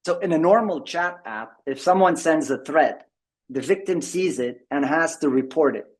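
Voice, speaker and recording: This man's voice sits a little high and sounds animated, moving at a moderate pace. He's delivering a conference-style tech presentation to a members' meeting via video call, with plenty of fillers and restarts.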